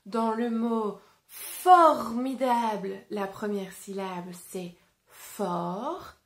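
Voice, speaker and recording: A woman reading a storybook aloud to children and leading a phonics lesson, slow and clearly articulated. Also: medium pitch. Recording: roomy echo.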